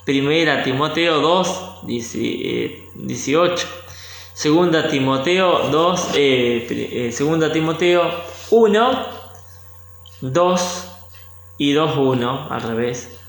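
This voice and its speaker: Slow-talking priest, echoey room. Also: male voice, a little high, lively intonation, gravelly, fairly bright tone. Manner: unhurried, pauses to look up verses. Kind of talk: informal teaching talk.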